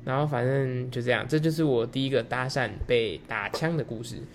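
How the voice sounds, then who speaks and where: A man's voice: medium pitch, fairly quick, slight background noise. A man in his twenties with a Taiwanese Mandarin accent, hosting a podcast and telling personal stories in a loose, candid way, swearing casually. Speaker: podcast host. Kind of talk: casual storytelling chat.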